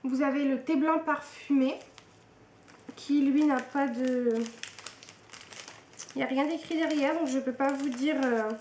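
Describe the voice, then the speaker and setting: A woman's voice: high voice, fairly even intonation, measured pace, pauses often, darkish tone. A young woman chatting casually through an unboxing, hesitant and full of fillers. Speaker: book and tea vlogger. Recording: echoey room with faint hiss.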